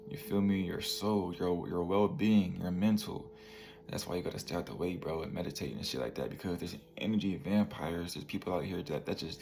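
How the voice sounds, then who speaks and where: Gravelly low-voiced man in his twenties. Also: a little mellow, slight background noise. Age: 20s. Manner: laid-back slang, peppers talk with "bro" and "you feel me". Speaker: vlogger. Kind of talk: casual motivational monologue.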